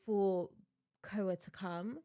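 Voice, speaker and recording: A young adult woman co-hosting a podcast, telling a story in casual chat with lively animation and frequent laughter. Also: medium pitch, drawn-out words. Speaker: podcast co-host.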